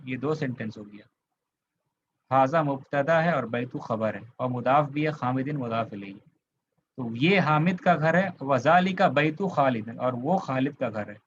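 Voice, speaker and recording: A man from India, speaking with an Indian accent, teaches Arabic grammar, patiently going over points again and checking that students keep up. His medium-pitched voice is animated and moderately paced. The lo-fi recording sounds slightly dull, with a faint hiss.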